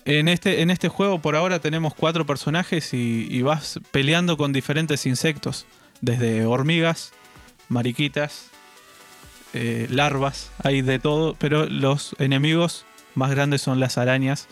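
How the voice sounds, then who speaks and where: A man co-hosting a casual gaming news chat, relaxed and hesitant, often repeating words as he talks. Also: fairly high pitch, unhurried, faint music behind.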